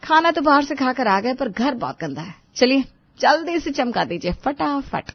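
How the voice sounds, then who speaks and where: A woman's voice: sits high, very animated, normal speed, slightly rough, exaggerated voice. A woman voicing a bossy, lazy young daughter-in-law in a cartoon, ordering her mother-in-law around. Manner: bossy, mocking. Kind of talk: cartoon voice acting. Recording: dull lo-fi voice-over.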